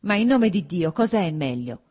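A woman's voice: fairly low pitch, big pitch swings, moderate pace, darkish tone. A woman reading aloud, voicing a young male officer who speaks earnestly and insistently, pleading to be heard.

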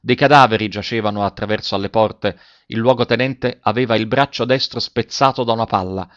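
A man narrating a classic story as an audiobook, in a measured and expressive way, in a dull lo-fi recording. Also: on the low side, dry recording.

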